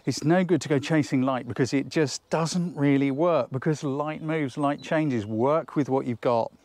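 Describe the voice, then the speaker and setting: A man's voice: mid-range voice, normal speed, darkish tone, no room sound. Chatty man teaching outdoors. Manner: chatty, enthusiastic, thinks aloud. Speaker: photography tutor. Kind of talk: instructional outdoor vlog. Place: outdoors on a countryside hillside.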